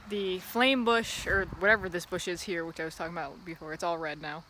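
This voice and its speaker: A woman with a fairly low voice rambles casually, as if to a camera, drifting from one aside to the next. She is outside by a busy street, with faint traffic and ambient noise around her. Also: steady tone, a little fast, pushed and bright, rough recording. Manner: easily distracted, drifting between asides. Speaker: vlogger. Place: outdoors in a yard beside a loud street. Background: passing vehicles and outdoor ambience.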